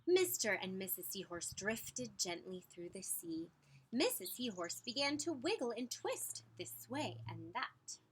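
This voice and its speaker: A woman reading a children's picture book aloud in an expressive, emphatic way, drawing out some words. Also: medium pitch, slightly rough, low-quality recording. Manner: animated, emphatic, with drawn-out words. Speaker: storybook reader.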